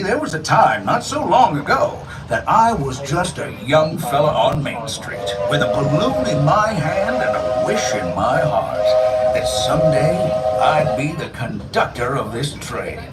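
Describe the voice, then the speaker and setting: Brief: a folksy old-west train conductor, high and sing-song, through an outdoor loudspeaker with loud music behind. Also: male voice, recorded from a distance, poor audio. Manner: folksy drawl, lively sing-song delivery. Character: folksy cheerful male train conductor, old-timey western. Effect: played over an outdoor loudspeaker on a train.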